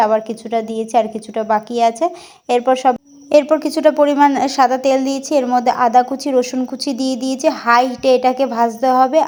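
A woman's voice: a little high, a little mellow. A young woman vlogger chatting through her day and a recipe, talking viewers through each step. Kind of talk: cooking vlog voice-over.

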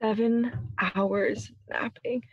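A woman giving a dramatic reading of a parody carol with theatrical, deliberate phrasing. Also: a little high, little pitch movement, husky, no echo, dull audio.

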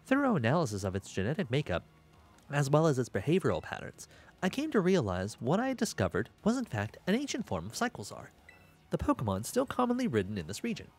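A man's voice: mid-range voice, quick pace, slightly rough, faint music behind, full character voice. Man reading as stiff, emotionless female professor. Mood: formal, detached. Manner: flat, stiff read-aloud acting.

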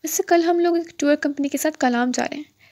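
A woman's voice: sits high, darkish tone, lightly acted. A woman voicing a chatty, friendly young woman who likes to boss others, speaking eagerly in an audiobook.

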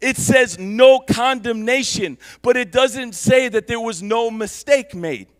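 A male pastor giving a Sunday church sermon, preaching with passion that builds to shouts. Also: very high voice, measured pace. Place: church service.

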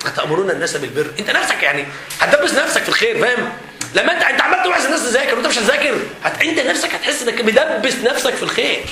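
A man with an Egyptian Arabic accent leading a seminar for students as their teacher, animated and joking, often laughing as he talks. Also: sits high. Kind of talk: lively seminar talk to students. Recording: echoey hall with faint background noise.

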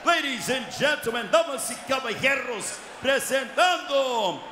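A man working as a cage announcer, bellowing theatrical fighter introductions with drawn-out names, in the showy manner of a lucha libre announcer. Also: very high voice, lively intonation, some chatter behind. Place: large indoor arena, inside the cage. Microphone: handheld microphone. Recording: echoey arena PA with loud noise.

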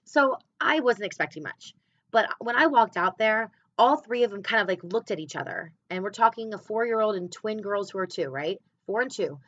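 A woman's voice: medium pitch, lively intonation, normal speed, fairly bright tone, slight background noise. A woman in her thirties talking candidly and emotionally in a casual personal vlog about her sales business and her kids. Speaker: clothing sales consultant. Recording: slightly dull, dry sound.

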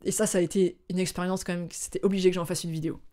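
A woman from France telling a personal story to her viewers in a casual, animated way, often pausing on filler sounds. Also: on the low side. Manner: chatty, animated, acts out dialogue; hesitant with frequent filler sounds. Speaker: vlogger.

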